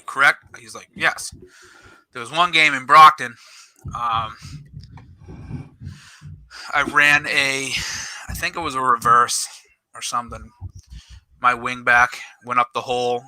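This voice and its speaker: On a casual podcast, a middle-aged youth football coach tells a story animatedly, swearing and acting out quoted lines. His voice is medium-pitched, and the audio is dry and poor.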